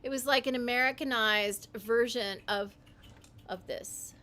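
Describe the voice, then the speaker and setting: A woman hosting a livestream, talking in a meandering, halting way, often correcting herself as she types. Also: fairly high pitch, steady tone, bright, forceful tone. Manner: typing while talking. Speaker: livestream host. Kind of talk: rambling livestream monologue.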